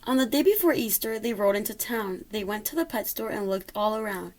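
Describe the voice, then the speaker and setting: A woman's voice: medium pitch, animated, brisk, a little mellow. A woman reading a rhyming children's story aloud expressively, occasionally stumbling over a word. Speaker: storybook reader.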